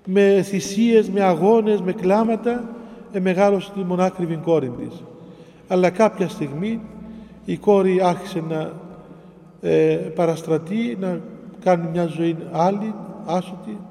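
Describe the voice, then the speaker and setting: A man preaching in a hall with a long echo, his voice high yet dark and mellow. He reads a verse, then explains it phrase by phrase, circling back and repeating himself with pauses. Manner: explains scripture line by line, repeating and pausing. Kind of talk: sermon on a psalm.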